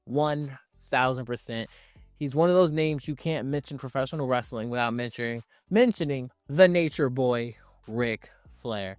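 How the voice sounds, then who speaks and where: A man with a medium-pitched voice hosts a countdown video ranking wrestling promos, speaking at a moderate pace over soft background music. The recording is studio quality with no echo. His commentary is casual and opinionated, delivered emphatically in slang, with swearing and repeated phrases for stress.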